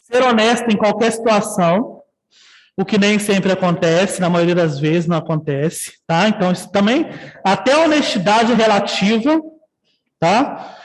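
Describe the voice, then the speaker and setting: A man's voice: high-pitched, moderate pace, in a large hall, low-quality recording. A man with a Brazilian Portuguese accent teaching a nursing ethics class online, talking conversationally and often checking in with his students.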